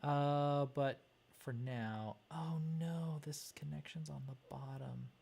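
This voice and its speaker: A livestream host works on a wiring diagram, chatting casually and hesitantly muttering through the task as they think aloud. The mid-range voice is slow, creaky, husky, and darkish in tone.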